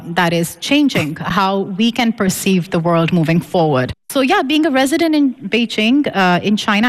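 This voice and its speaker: A woman from Pakistan speaking as a guest on a studio panel, talking enthusiastically and fluently with frequent "you know" fillers. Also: mid-range voice. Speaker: panel guest, research fellow.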